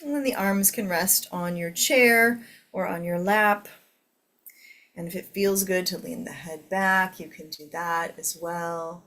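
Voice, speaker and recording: A woman with a fairly low voice leads a guided meditation as the teacher. She speaks very slowly and gently, giving soothing instructions to a seated group.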